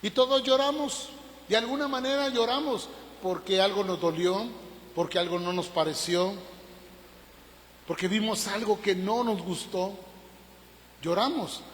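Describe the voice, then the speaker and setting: A male pastor delivers a sermon in a high, ringing voice. He preaches emphatically, throws out rhetorical questions and surges up in pitch. The sound carries a long reverb, as from a big church hall. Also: fairly even intonation, unhurried, pauses often.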